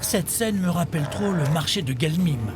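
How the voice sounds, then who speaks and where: A man voicing a dromedary that tells its life story in measured nature documentary narration, scripted and in the first person. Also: fairly high pitch, expressive, over loud music, lightly acted. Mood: narrating. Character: male dromedary telling its own life in the desert.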